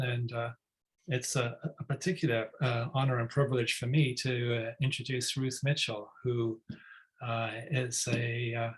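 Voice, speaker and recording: A man introducing a guest speaker in an online talk, speaking haltingly with many fillers and restarts. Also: mid-range voice, poor audio.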